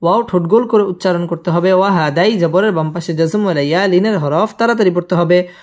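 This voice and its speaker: A man's voice: high voice, fast talker. A man teaching Quran recitation, spelling each word syllable by syllable and explaining the pronunciation rules.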